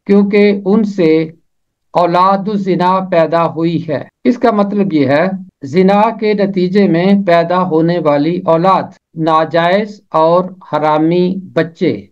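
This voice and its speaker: Male teacher, measured and careful, repeats each term twice, dull lo-fi sound. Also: high voice. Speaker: Bible pronunciation teacher. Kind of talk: slow, deliberate pronunciation lesson. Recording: slightly muffled lo-fi recording.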